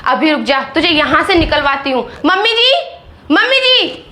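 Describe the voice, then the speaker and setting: A woman playing a sharp-tongued young daughter-in-law. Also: high-pitched, expressive. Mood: furious. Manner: indignant scolding, rapid rebukes. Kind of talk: Hindi family drama skit.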